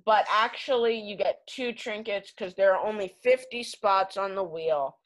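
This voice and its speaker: A woman acting as game master, narrating a tabletop game casually in a halting, improvised way. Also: mid-range voice, rough recording.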